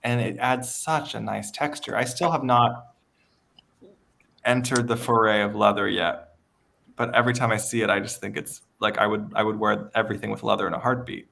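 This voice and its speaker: Gravelly man hosting a beading livestream. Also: on the low side, steady tone, moderate pace, bright, forceful tone, slight background noise. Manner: chatty, laughs often, reads viewer questions. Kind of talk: casual livestream chat. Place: West Coast of the United States.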